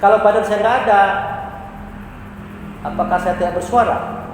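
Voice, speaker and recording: A man's voice: high-pitched, fairly even intonation, normal speed, slight background noise. A male preacher gives a conversational religious lecture, acting out imagined questioners. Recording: echoey hall, distant mic, faint ambience.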